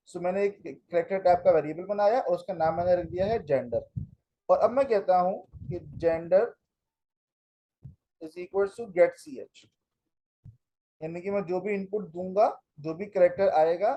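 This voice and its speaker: Man, high mellow voice, patient step-by-step coding teacher. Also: dull audio. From Pakistan. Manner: explains step by step, mixing in English phrases. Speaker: computer teacher. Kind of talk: classroom lecture with live coding.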